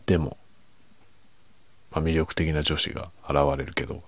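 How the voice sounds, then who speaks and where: A man chatting casually and quietly by himself late at night, musing and giving his opinions in a low-key way with softened sentence endings. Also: steady tone, moderate pace, no room sound. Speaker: writer chatting as host.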